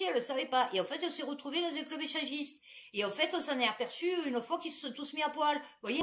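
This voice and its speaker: A woman in her forties with a lilt tells a personal story in a casual, confiding way. Her voice sits slightly high, and she speaks bluntly, with crude words and frequent bursts of laughter. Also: fairly bright tone.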